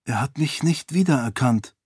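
A man voicing a grieving woman, an exiled mother who speaks softly and sorrowfully in an audiobook. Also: medium pitch, normal speed, no echo, clean studio sound, lightly acted. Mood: wistful. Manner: soft, sorrowful.

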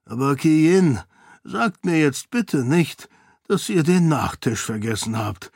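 A man's voice: on the high side, big pitch swings, slow pace, creaky, a little mellow, no room sound, studio quality, pitched above the performer's own voice, exaggerated voice. A man voicing a hearty, boisterous nobleman in an audiobook, effusive and full of good humor. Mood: jovial. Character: jovial hearty nobleman, booming laugh. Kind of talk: audiobook character voice.

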